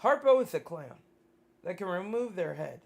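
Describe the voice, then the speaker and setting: A man in a tabletop game, playing his character in a brash, excitable way. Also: high voice, moderate pace, gravelly. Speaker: player.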